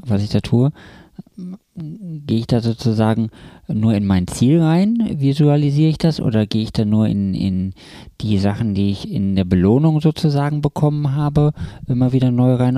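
A man's voice: mid-range voice, lively intonation, moderate pace, dark tone, dry recording. A man asking a coach a question, hesitant and searching for words. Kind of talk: conversational question.

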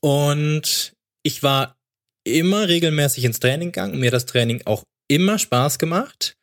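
A man's voice: a little high, normal speed, a bit bright. A man of thirty, a podcast guest chatting casually about how he started training. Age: 30s. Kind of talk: casual interview talk.

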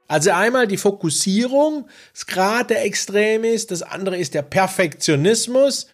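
A man working as a coach, giving a measured, deliberate interview answer with occasional hesitations. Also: high voice, lively intonation, soft background music.

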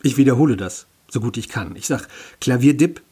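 A man narrating a first-person story with wry, self-ironic humor and a husky voice. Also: medium pitch, quick pace, dark tone.

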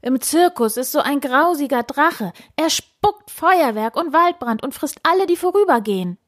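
A woman voicing a cowardly male tin knight from a children's story, wailing in a high voice. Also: lively intonation, moderate pace, fairly bright tone. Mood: scared.

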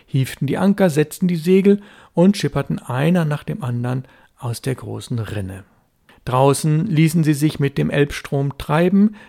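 Gravelly man narrating a storybook. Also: medium pitch, dark tone.

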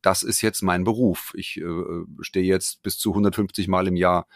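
Deep-voiced guest, many fillers. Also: male voice, moderate pace, no room sound, studio quality. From Frankfurt, Germany. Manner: relaxed, hesitant with many fillers. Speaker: guest, a cappella performer. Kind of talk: casual interview. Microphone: remote call.

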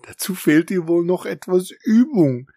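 A man's voice: animated, measured pace, dark tone, dry recording, studio quality, exaggerated voice. A man voicing a small, cheeky and clever male mouse in a children's story, raising his voice to sound small and impish. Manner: giggly, cheeky, higher storybook voice.

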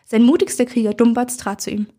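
A woman reading a scripted first-person fairy tale aloud for children in a calm, measured way. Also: on the high side. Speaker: storyteller.

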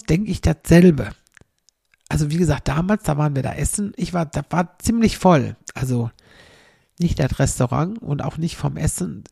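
A woman's voice: deep voice, vocal fry, warm tone, slightly rough, no echo, clean studio sound. A middle-aged woman telling rambling comic stories and tagging nearly every sentence with a questioning "ne". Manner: chatty, tags almost every sentence with a questioning "ne". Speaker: comic storyteller.

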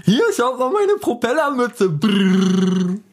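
Man playing a giddy man-child clown, high squeaky voice, slow and stretched, silly comedy bit. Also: sing-song, breathy edge, full character voice. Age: 40s.

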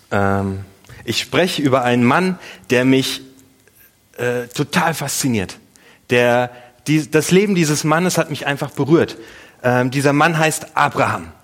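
A middle-aged pastor preaches like he is chatting with friends. His voice sits at an ordinary pitch for a man, and he tells stories with playful asides and dry jokes. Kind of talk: casual, humorous sermon.

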